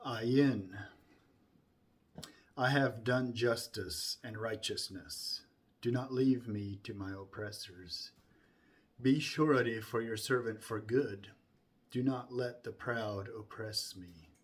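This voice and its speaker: A man reciting scripture from memory in a solemn, deliberate way, starting phrases with emphasis and softening toward the ends. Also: mid-range voice.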